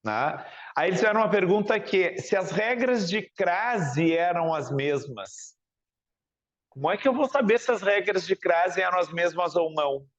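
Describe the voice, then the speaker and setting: A man's voice: high voice, expressive, normal speed, highs cut off. A man from Porto Alegre with a southern Brazilian accent, teaching a classroom lecture and often asking the class questions. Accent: Brazilian Portuguese, Porto Alegre. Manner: questioning, chatty, ends phrases with tag questions.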